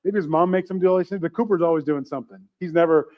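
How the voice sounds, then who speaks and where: A man's voice: a little high, rapid-fire, muffled recording. A man preaching as pastor to his church, chatty and joking, asking the congregation questions. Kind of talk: sermon.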